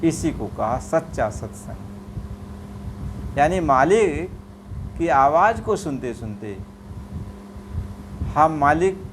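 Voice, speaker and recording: A man giving a devotional sermon, repeating phrases and drawing out chanted verses in a slow, melodic way. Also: fairly high pitch, very animated, background noise. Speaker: spiritual preacher.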